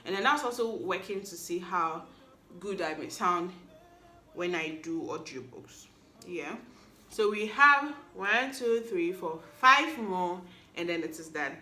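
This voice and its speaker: A podcast host in her 20s does a solo recap, chatting playfully and teasing whoever's listening. Her voice sits on the low side, bright, forceful and expressive, and she takes her time. The room is echoey.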